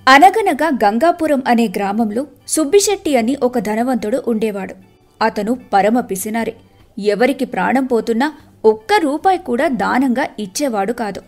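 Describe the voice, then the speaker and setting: A woman narrating a scripted moral tale in a steady, measured way. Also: a little high. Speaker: storyteller.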